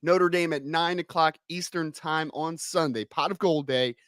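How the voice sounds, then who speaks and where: A hoarse man hosts a casual sports talk show with emphatic, hype-building energy. His voice sits a little high. It is recorded dry and close. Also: moderate pace, dry recording. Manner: energetic, emphatic, hypes the audience. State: hoarse, slightly under the weather. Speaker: podcast host.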